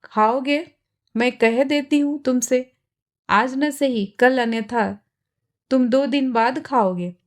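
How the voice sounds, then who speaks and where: A woman reading aloud, voicing a sharp-tongued young woman who taunts and then pleads. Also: high-pitched, slow pace. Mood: insistent. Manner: sarcastic, taunting. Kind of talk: storybook reading.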